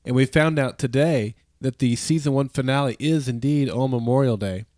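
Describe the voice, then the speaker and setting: A man in his thirties, nasal and congested from a head cold, hosts a casual podcast at normal speed in a warm, mid-range voice. He rambles, chuckles often and keeps correcting and restarting himself. The recording is dry and clean, from a studio.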